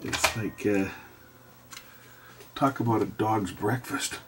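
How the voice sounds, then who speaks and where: An electronics repairer hosts a repair video from an indoor workshop, his fairly low voice moving slowly as he gives casual, hands-on commentary. He thinks aloud and mutters to himself while working, with faint steady noise in the background.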